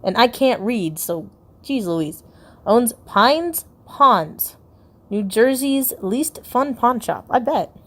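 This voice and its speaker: A woman giving casual, giggly commentary while browsing a video game's hidden files. She reacts out loud and stumbles as she reads. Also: on the high side, animated, takes it slowly. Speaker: video game YouTuber.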